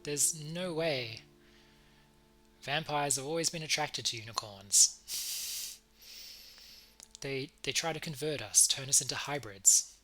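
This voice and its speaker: A gentle, beautiful male unicorn from a visual novel, played by a man. He speaks softly and earnestly, with halting worry in a bright, clear-cut tone. Music plays faintly behind. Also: mid-range voice. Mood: grave.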